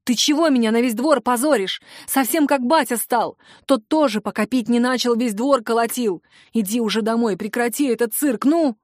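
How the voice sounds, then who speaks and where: A woman's voice: mid-range voice, brisk, no echo, clean studio sound, lightly acted. A woman voicing a tired, middle-aged mother who scolds her son in the yard. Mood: scolding. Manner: scolding, exasperated.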